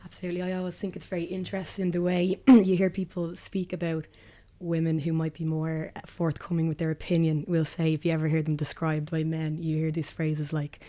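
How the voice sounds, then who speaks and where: A woman's voice: low voice, monotone, brisk, few pauses, dark tone. An Irish woman in her late twenties, hosting and asking questions in a casual discussion. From Ireland. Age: 20s. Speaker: host. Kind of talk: moderating a discussion.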